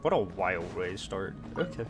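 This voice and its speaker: Playing a game, a man mutters to himself in brief phrases, offering casual commentary as a streamer. His voice sits low with big swings in pitch at a moderate pace, and game music and sound effects play behind him.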